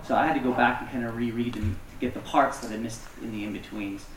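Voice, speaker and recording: A man's voice: mid-range voice, fairly even intonation, fast, noisy background. A man preaching a casual, self-deprecating sermon as pastor, with many fillers. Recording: echoey room, distant mic.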